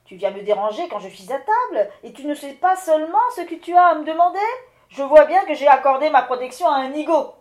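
A woman voicing a grumpy, gruff male wind spirit who shouts curtly at visitors in a storybook reading. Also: medium pitch, lively intonation, quick pace, lightly acted. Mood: gruff, bellowing. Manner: bellowing, curt and impatient.

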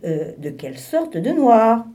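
A woman's voice: a little high, sing-song, a little slow, warm tone, voice pushed up. A woman voicing a stubborn polar bear in a storybook reading, speaking earnestly and insistently.

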